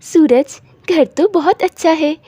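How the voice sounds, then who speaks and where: A woman voicing a gentle, devoted young wife in a cartoon story, speaking softly and agreeably. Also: extremely high pitch, slow pace, dry recording, clean studio sound.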